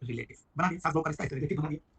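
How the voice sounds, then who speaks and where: A man teaching a live online tax class, talking quickly and calling on students by name. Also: a little high, a bit bright, husky. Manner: rapid, chatty, addresses students by name. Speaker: GST teacher.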